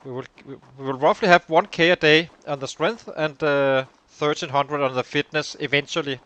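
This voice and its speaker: A man's voice: a little high, normal speed, a bit bright, no echo, muffled recording. A man hosting a let's play, thinking aloud as he works through the numbers behind his progress. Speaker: gaming channel host.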